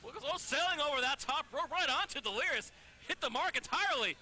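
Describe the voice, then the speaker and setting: A man's voice: very high-pitched, expressive, fast talker, pushed and bright, slight background noise. A man giving wordy colour commentary on wrestling, full of wry asides.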